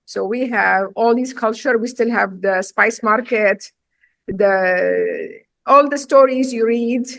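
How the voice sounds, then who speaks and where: A woman's voice: a little high, takes it slowly, gravelly, a bit bright, no echo. A middle-aged woman from Syria with a Syrian accent, a chef and restaurant owner telling her story in a casual interview, emphatic and direct.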